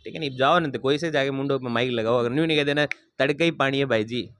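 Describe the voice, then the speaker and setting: A man's voice: mid-range voice, quick pace, a bit bright. Young man, earnest interviewee, emphatic and firm. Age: 20s. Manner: earnest and emphatic, repeats promises. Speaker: interviewee, local political candidate. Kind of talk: interview answers.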